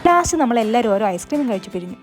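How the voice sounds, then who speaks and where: Very rapid Malayali woman narrator mixing in English. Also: fairly high pitch, big pitch swings, over music. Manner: mixes English words into Malayalam. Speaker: vlogger. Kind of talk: informal voice-over narration.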